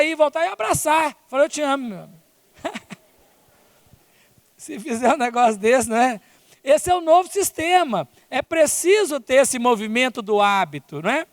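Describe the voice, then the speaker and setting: Extremely high and a bit bright, this Brazilian-accented man's voice comes through with clean studio sound as he lectures on spiritism at a conference. He keeps tagging lines with "né?" and "não é?", and the large hall lends a long reverb.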